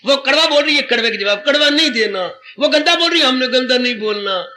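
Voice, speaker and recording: A man preaches a devotional sermon in a very high, piercing voice. He is fervent, repeats words for emphasis and calls his listeners children. A faint noise hums behind him. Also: expressive, quick pace, sharp tone. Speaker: spiritual teacher.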